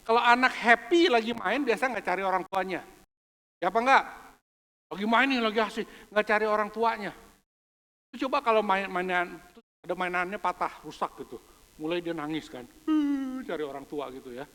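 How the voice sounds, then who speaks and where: High-pitched male pastor, joking around mid sermon, mixes in english, big church reverb. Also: brisk, bright, forceful tone. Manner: joking, mixes English phrases into his preaching. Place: church hall. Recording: long hall reverb.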